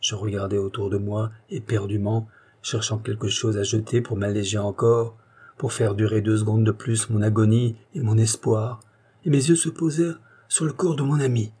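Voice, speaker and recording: A man's voice: lowish voice, fairly even intonation, moderate pace, mellow, breathy edge. A man reading a dramatic first-person story aloud, intense and rising to anguished outbursts. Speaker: audiobook reader.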